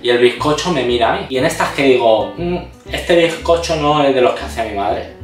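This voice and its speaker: A man's voice: medium pitch, fairly quick. A man, hosting a cooking channel and telling an exaggerated story in casual chat. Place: home kitchen. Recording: echoey room, mic at a distance, background music.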